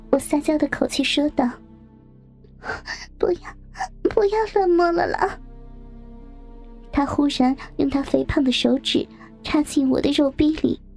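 A woman narrating a first-person adult story in a soft, breathy, near-whispered delivery. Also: high voice.

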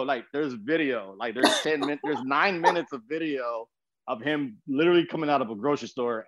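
A young Texan podcast host speaks in a mid-range voice, chatting casually and rambling with informal slang. There's no room sound, though the audio is slightly muffled.

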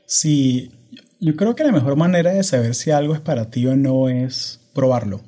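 Close-miked in the studio, this Venezuelan man in his thirties hosts a laid-back podcast chat. His mid-range voice is dark and mellow at normal speed, though his delivery comes across energetic and hyperkinetic, with English words creeping into his Spanish.

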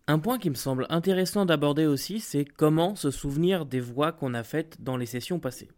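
Brief: young man, fairly high voice, conversational game master giving tips. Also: brisk. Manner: conversational, lively, with occasional fillers. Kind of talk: explanatory video talk.

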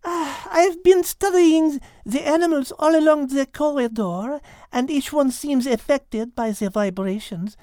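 A woman with a high, warm voice speaks a little slowly and with few pauses, recorded dry at studio quality. She voices a brainy French female animal in a children's audio drama, precise, formal, thoughtful, and logically poised, and is also a co-host of the animal story podcast.

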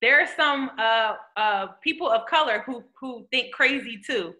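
A woman hosts a casual talk show. Her voice is on the high side and notably bright. She speaks conversationally, as if among friends. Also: unhurried. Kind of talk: casual chat.

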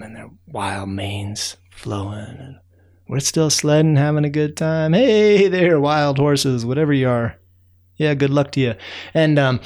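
In a medium-pitched voice with vocal fry, a man plays a friendly, talkative raccoon spinning a bedtime story. The easygoing storyteller rambles in a folksy manner, full of fillers.

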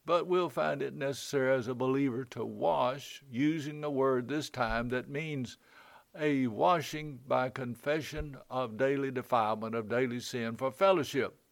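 A man, a pastor, giving a short devotional sermon in a calm, measured storytelling voice. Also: medium pitch.

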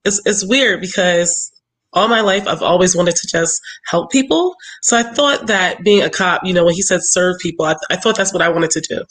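A woman's voice: lowish voice, normal speed, a bit bright, low-quality recording. A woman in her forties from Philadelphia, a travel business owner chatting casually as a podcast guest and laughing often. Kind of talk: casual interview chat.

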